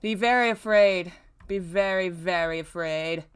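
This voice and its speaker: A woman hosts a casual livestream from a dim indoor room, rambling and frequently interrupting herself. Her voice is smooth and fairly low, and she talks a little slowly.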